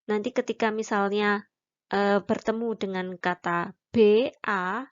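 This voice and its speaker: A woman's voice: medium pitch, fairly even intonation, slow, smooth, dull audio. A woman teaching a language lesson, patiently explaining and demonstrating each syllable aloud. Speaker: Mandarin teacher. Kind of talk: recorded online lesson.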